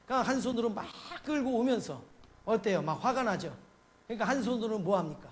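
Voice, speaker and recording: A man's voice: sits high, animated, fast talker. A male pastor from South Korea preaching a sermon, telling a homely story and peppering the congregation with rhetorical questions.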